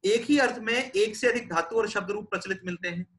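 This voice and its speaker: Male lecturer from India, patient and explanatory, high pitch, repeats and demonstrates sounds. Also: fairly quick, a bit bright. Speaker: teacher. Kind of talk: classroom lecture.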